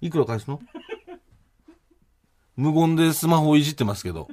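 A man's voice: fairly high pitch, animated, a little fast, dark tone, slight background noise. A man co-hosting a comedy radio show, bantering theatrically with bursts of mock outrage. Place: radio studio.

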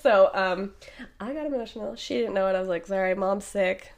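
Hoarse woman chatting on a podcast. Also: mid-range voice, quick pace. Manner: chatty, laughing often, animated retellings. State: hoarse from illness. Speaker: podcast co-host. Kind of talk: casual chat.

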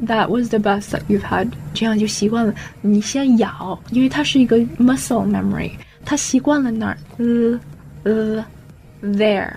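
Encouraging woman coach with a mellow, slightly high voice, drilling sounds one-on-one over faint music. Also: normal speed, gravelly. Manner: encouraging, models words for repetition. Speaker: pronunciation coach.

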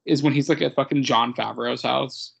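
A man's voice: medium pitch, steady tone, normal speed, creaky, breathy edge. A man co-hosting a podcast, talking enthusiastically with lots of laughter and casual swearing. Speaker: podcast co-host. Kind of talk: casual chat.

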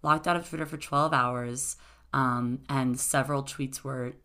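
A woman's voice: very deep voice, fairly even intonation, measured pace, fairly bright tone. A woman in casual debate, laying out events step by step with frequent "uh" and "um.". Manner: explanatory, methodical, many "uh" and "um" fillers.

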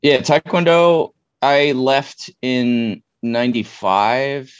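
A man's voice: medium pitch, fairly even intonation, slow, clear, resonant tone, no room sound, muffled recording. A middle-aged man, talking informally and plainly as the guest in a casual interview. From Queens, New York. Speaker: interview guest, martial arts coach.

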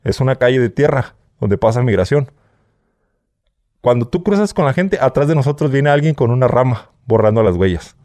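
A Mexican man with a medium-pitched, expressive, darkish voice speaks at normal speed in a dry recording. As an interview guest and former smuggler, he tells his stories candidly in a casual chat with a Mexican Spanish accent, often checking in with "¿sí?" and "¿no?".

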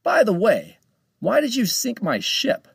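A man doing a high, excitable pirate captain. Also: unhurried, gravelly, slightly rough, dry recording, studio quality, heavily acted. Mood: alarmed. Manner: raised, excited, pitching up sharply. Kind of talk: storybook read-aloud.

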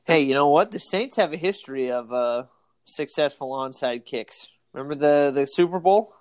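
A man co-hosting a casual sports podcast, excitable and laughing often, tired from an early morning. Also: fairly high pitch, moderate pace, no room sound. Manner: excitable, laughs often, acts out quoted exchanges. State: tired, yawning. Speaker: podcast co-host.

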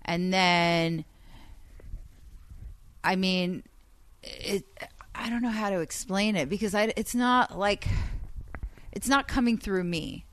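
A woman from Iran, a guest on a podcast, talking casually in a soft, hesitant way with many restarts. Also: medium pitch, takes it slowly, pauses often, no room sound. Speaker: podcast guest, comedian and psychic reader.

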